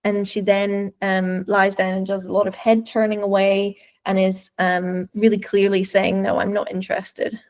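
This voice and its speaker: A woman's voice: medium pitch, level tone, unhurried, few pauses, darkish tone. A woman dog trainer giving webinar commentary over videos, explaining thoughtfully and searching for words as she goes.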